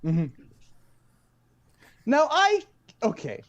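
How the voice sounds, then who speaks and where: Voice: mid-range voice, wildly swooping pitch, drawn-out words, muffled recording. An improv presenter giving a mock-earnest slideshow talk with lots of stammering repeats.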